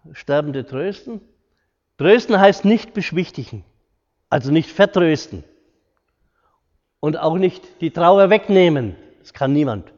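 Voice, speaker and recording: A man's voice: a little high, darkish tone. A middle-aged man, giving an informal talk from his hospital work, earnest and homely, acting out quoted dialogue. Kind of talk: informal lecture with personal stories. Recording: echoey hall, dull lo-fi sound.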